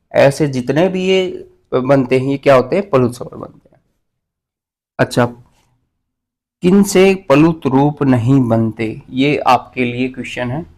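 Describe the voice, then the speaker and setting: A male teacher giving an exam-prep grammar lesson, explaining slowly and asking and answering his own questions. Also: mid-range voice, a little mellow.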